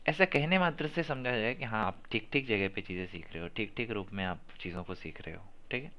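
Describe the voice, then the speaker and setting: A man's voice: fairly low pitch, brisk. Man coaching pronunciation, muffled audio. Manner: corrective, repeats phrases to stress sounds. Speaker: teacher. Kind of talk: online class on chanting and pronunciation.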